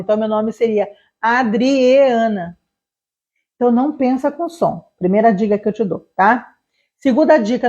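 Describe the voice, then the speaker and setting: A middle-aged woman teaches spelling with a fairly high voice and a slow, unhurried pace. She keeps asking if you follow and stretches each letter out. The sound is dull and lo-fi. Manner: chatty, repeats "tá?" and "né?", spells letter by letter slowly. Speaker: English teacher. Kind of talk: spelling lesson to camera. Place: small town near a railway.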